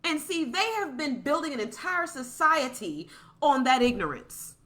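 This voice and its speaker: A woman speaks with a high, bright, forceful voice in a passionate, preachy podcast monologue. She circles back and repeats her points for emphasis, building to a soapbox pitch. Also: sing-song, moderate pace.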